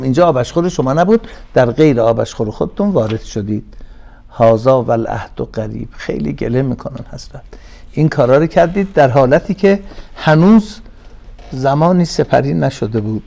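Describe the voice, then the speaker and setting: A man giving a religious lecture, reciting phrases slowly and with emphasis, then explaining them in a conversational way. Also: medium pitch, creaky, warm tone.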